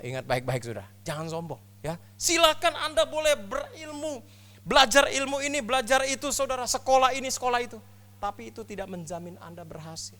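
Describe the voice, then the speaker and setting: A man in his fifties preaching a sermon as a pastor, telling stories with humor and jumping between loud bursts and quiet asides. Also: medium pitch, a little hiss or hum. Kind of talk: storytelling sermon.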